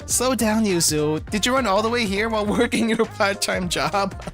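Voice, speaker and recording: A woman acts out a kind teacher from a game story, gentle and reassuring. The delivery is calm, with music playing clearly behind it. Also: medium pitch, moderate pace, voice pushed up, lightly acted.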